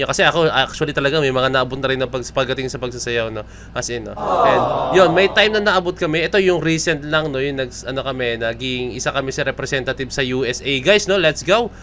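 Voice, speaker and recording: A man's voice: mid-range voice, a little fast, pushed and bright, a little hiss or hum. A young man with a Filipino accent giving chatty reaction commentary on a music video, often tagging his lines with a question. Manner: chatty, mixes Tagalog and English, keeps asking "no?". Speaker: reaction vlogger.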